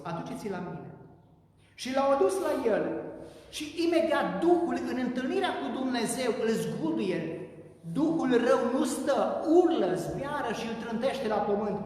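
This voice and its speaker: A male priest delivering an impassioned sermon, swinging between urgent raised passages and hushed low phrases. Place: large church. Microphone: distant from the microphone. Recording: very echoey church hall, voice from far off.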